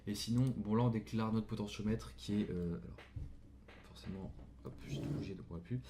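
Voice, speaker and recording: A man's voice: on the low side, normal speed, noisy background. A man giving a casual electronics tutorial, talking in a slangy, informal way with jokey asides while he handles his gear. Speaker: tutorial presenter.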